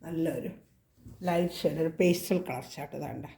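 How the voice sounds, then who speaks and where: A woman with a Kerala Malayalam accent and a slightly hoarse voice from a cold, chatting casually as she shows clothing for sale. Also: sits low, moderate pace, warm tone, reverberant. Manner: chatty, repeats prices and sizes. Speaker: clothing seller. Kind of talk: casual product showcase.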